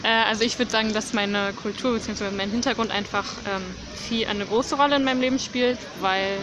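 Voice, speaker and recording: A woman's voice: medium pitch, steady tone, brisk. A teenage girl speaking hesitantly in an interview in a park, searching for words. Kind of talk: casual chat. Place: park outdoors. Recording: outdoor park, traffic noise.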